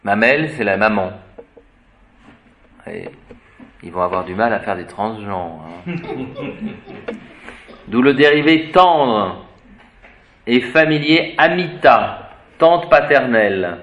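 Man, slow deliberate etymology teacher, spells words letter by letter, halting and musing. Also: medium pitch, expressive, a bit bright, lo-fi sound, slight background noise. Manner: hesitant, searches for words with fillers. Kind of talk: unscripted etymology lecture.

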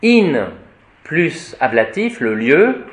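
A man, a priest, teaching a grammar lesson to a class, explaining word by word in a slow, deliberate way. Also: on the high side, big pitch swings. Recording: echoey room.

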